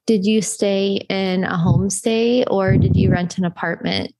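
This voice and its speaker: A woman's voice: medium pitch, steady tone, a little slow, warm tone. An American woman hosting an interview, asking friendly, chatty follow-up questions. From United States. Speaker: host. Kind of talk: casual interview.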